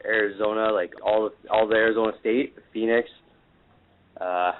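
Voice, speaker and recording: A man's voice: lowish voice, steady tone, normal speed. A man calling in on speakerphone, talking in a loose, rambling, friendly way after a few beers. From Canada. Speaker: caller. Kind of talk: casual chat. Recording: tinny speakerphone line with faint hiss. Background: friends in the room.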